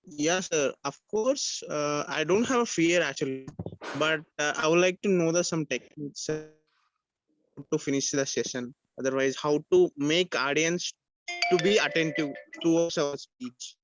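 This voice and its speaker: A man's voice: a little high, moderate pace. A man taking part in an online workshop, polite and rambling, often saying "sir". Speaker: workshop participant. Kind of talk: casual chat. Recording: dull, dry audio.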